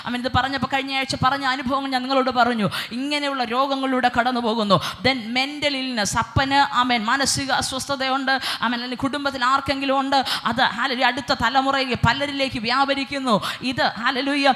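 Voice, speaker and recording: A woman with a Malayali accent delivers a sermon in a bright, ringing voice. She scatters hallelujahs and English fillers through her preaching. She puts questions to her listeners and answers them herself. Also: high voice, little pitch movement, fairly quick, hardly any pauses.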